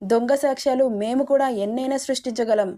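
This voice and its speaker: A woman's voice: high-pitched, steady tone, fast, mellow, natural voice. A woman voicing an arrogant young man, a neighbor's son, talking in a mocking way.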